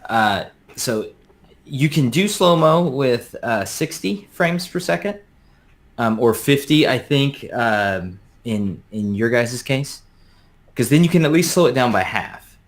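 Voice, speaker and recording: A man's voice: mid-range voice, expressive, slow. A man joining a live stream as a guest drone pilot, explaining things in a friendly way over a video call, with hesitant uhs. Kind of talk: casual video-call chat.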